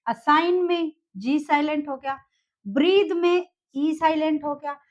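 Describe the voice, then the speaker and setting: High-voiced woman teaching English pronunciation. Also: unhurried. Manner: repeats words and checks in with "ok" and "dekhiye"; mixes Hindi with English phrases. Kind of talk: explaining English pronunciation on a video lesson. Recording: slightly dull lo-fi audio.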